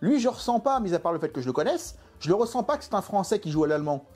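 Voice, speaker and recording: An exasperated man delivers an opinionated film review. His mellow voice swings up and down a lot as he throws out rhetorical questions, with faint music underneath. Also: high-pitched, big pitch swings, rapid-fire.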